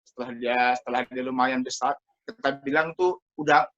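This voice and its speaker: A man teaching a Sunday school Bible story to children in a lively, chatty way, talking to them directly over a video call. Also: mid-range voice, a little fast. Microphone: computer mic over a video call. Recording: muffled lo-fi video call audio.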